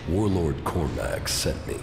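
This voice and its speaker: A gruff male adventurer from a video game. His voice is extremely low and thick with gravel, and he answers in curt, flat phrases over some music. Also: a little slow, heavily acted. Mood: curt, unbothered. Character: gruff, terse male adventurer delivering messages.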